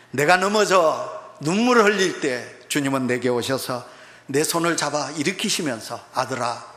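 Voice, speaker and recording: A man's voice: medium pitch, fairly bright tone. A male pastor with a Gyeongsang Korean accent, preaching an emphatic, fervent sermon. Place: church sanctuary. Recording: echoey church hall.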